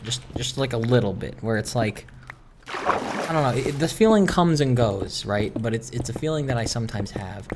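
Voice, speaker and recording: With some background noise behind a medium-pitched voice, a host of gaming videos wanders through loose, self-deprecating rants, one thought leading casually into the next.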